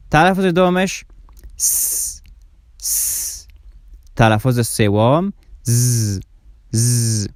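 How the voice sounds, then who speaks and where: A man with a voice teaching English grammar, saying example words slowly and repeating them. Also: a little high, dry recording, studio quality. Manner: slow, deliberate example words, repeated for emphasis. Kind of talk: explaining grammar rules.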